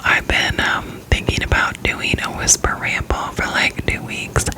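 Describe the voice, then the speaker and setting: A young American woman from Florida whispers an informal, unscripted ASMR ramble, breathy and up close to the microphone. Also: poor audio. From Florida, United States. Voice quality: whispering throughout, breathy and unvoiced. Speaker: ASMR creator.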